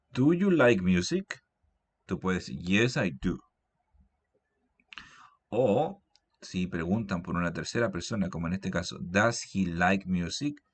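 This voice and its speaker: A man teaches English grammar in a very deep voice. He takes his time, going over each example sentence slowly and patiently. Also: husky. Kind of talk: grammar lesson explained in Spanish.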